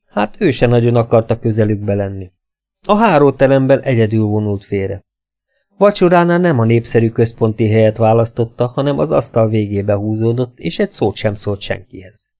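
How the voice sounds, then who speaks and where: A man narrating an audiobook in a steady, measured reading voice. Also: medium pitch.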